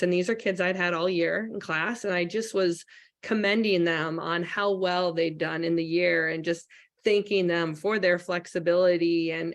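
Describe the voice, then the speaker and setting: A woman teacher speaking earnestly and reflectively at a conference, with frequent restarts. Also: fairly low pitch. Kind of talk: conference talk. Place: conference hall.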